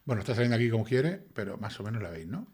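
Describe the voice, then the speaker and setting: A man's voice: lowish voice, very animated, very fast, darkish tone, slightly rough. A man reading a legal document aloud and breaking off to comment on it with sarcastic, indignant rhetorical questions. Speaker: YouTube commentator. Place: home desk with computer.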